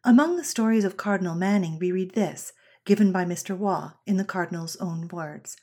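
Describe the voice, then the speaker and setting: Woman reading aloud, measured and earnest. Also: lowish voice, a little mellow. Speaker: reader of an old parenting essay. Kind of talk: scripted narration.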